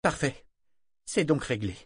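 A man's voice: mid-range voice, animated, a little slow, slightly rough, no room sound, voice pushed up. A curt, anxious mother, as a man voices her in a storybook, snapping out short demands. The voice is lifted well above a man's usual register and pressed with urgency. It is recorded close and dry. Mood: calm firm. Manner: curt, sharp. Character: sharp, worried middle-aged mother.

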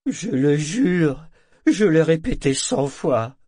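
A man voicing a mutilated male prisoner who sobs and begs for mercy, in a high, tearful pleading voice. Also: big pitch swings, normal speed, warm tone, breathy edge, dry recording, clean studio sound, exaggerated voice. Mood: sobbing pleading.

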